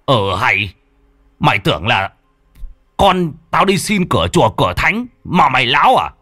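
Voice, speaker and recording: A man voicing a hot-tempered, blustering father who scolds loudly. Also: lowish voice, sing-song, takes it slowly, creaky, breathy edge, soft background music, full character voice. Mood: angry.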